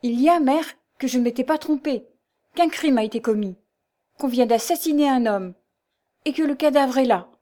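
A woman's voice: sits high, moderate pace, mellow, voice pushed up, close to an everyday voice. Woman doing an anxious young heroine, insistent and tense. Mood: urgent. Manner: breathless, fearful, insistent.

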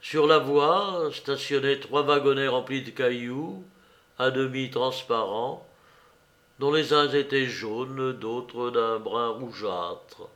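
A male audiobook narrator reading a novel in a steady, measured way. His pitch sits in the middle range, and he slows and softens at the ends of phrases.

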